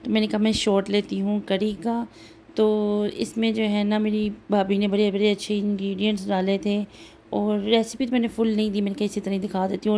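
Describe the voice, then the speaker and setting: Brief: woman vlogger, casual voice-over, rambling with fillers, flat and warm delivery. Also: mid-range voice, a little hiss or hum. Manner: chatty, rambling, with many fillers. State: says her throat feels hoarse. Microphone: home voice-over recording.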